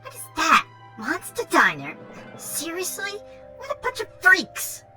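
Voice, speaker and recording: A woman's voice: extremely high pitch, huge pitch swings, a little slow, sharp tone, soft background music, exaggerated voice. A woman voicing a young, vain rich girl in a game, with a bubbly, snobby sorority-girl manner and a Valley Girl accent. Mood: disgusted, haughty. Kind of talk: game character dialogue read.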